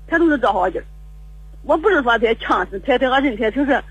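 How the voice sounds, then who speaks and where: A woman's voice: a little high, animated, fast, breathy edge, dry recording, lo-fi sound. An older woman calling in to a radio show, telling a long story in a rambling, repetitive way with stammering restarts. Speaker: caller. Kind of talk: call-in radio chat. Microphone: phone call.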